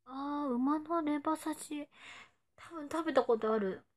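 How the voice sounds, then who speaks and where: Young female idol, twenties, slightly high voice, playful livestream chatter, drops into whispers now and then. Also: a little slow. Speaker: idol streaming to fans. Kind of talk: casual livestream chat reading viewer comments.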